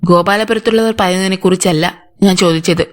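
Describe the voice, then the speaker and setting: A woman's voice: lowish voice, fairly quick, close to an everyday voice. A woman voicing a male police inspector who questions firmly and sternly. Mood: questioning. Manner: firm, interrogating. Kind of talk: audiobook character voice.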